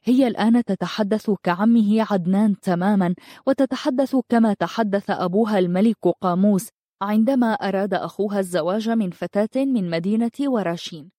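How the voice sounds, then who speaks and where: A woman reads a story aloud in a steady, measured way. Her voice is warm and mellow, and the recording is close and dry with no room sound. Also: mid-range voice, dry recording. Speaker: narrator. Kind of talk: audiobook story narration.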